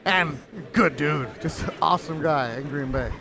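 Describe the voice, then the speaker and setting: A man's voice: on the high side, unhurried, gravelly, crowd noise. A man doing casual boxing commentary, bantering in a jokey, chummy, slangy way. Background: music.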